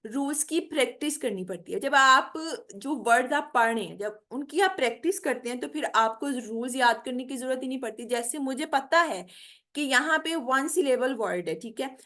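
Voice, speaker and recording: In an online spoken English lecture, a female English teacher with a high, bright, forceful voice teaches pronunciation. She explains slowly and patiently, mixing Hindi with careful English, checks in often with her students, and keeps saying "theek hai".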